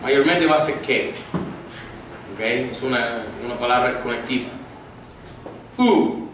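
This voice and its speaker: Slow, patient male Greek teacher in an echoey room. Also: medium pitch. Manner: slow, patient drilling with repeat-after-me prompts. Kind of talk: classroom grammar lesson. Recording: echoey room, mic far off, faint noise.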